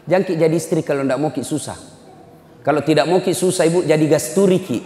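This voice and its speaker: A man preaching a humorous sermon, joking and acting out family scenes, now and then bursting into shouts. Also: on the high side, quick pace. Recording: echoey hall.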